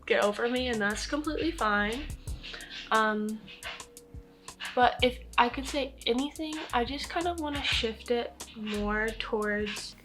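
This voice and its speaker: A woman's voice: a little high, a little slow, over music. A young American woman chatting casually and candidly in a Q&A vlog, self-deprecating and swearing freely. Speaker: vlogger.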